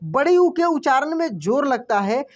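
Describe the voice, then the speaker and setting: A man teaching a language lesson, repeating each example word slowly and clearly and quizzing himself with short questions before answering. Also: extremely high pitch, sing-song. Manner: drills words by repeating them with quick self-questions. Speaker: Hindi teacher. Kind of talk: classroom-style lesson.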